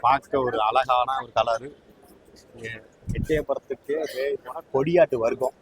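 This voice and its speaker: A man's voice: medium pitch, fairly even intonation, unhurried. A man casually interviewing buyers at an outdoor livestock market, repeating back each answer in a chatty way. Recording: noisy outdoor market crowd. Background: crowd chatter and goats bleating.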